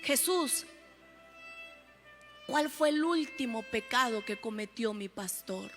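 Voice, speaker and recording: A woman's voice: on the high side, lively intonation, takes it slowly, soft background music, voice pushed down. Woman voicing an eager little boy. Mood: earnest. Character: eager little boy who talks to Jesus.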